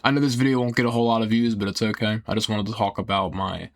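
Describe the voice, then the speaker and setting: A young man talking casually and earnestly in a rambling, halting way that often trails off, with some casual swearing. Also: on the low side, level tone. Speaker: video creator. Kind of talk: casual rambling personal talk.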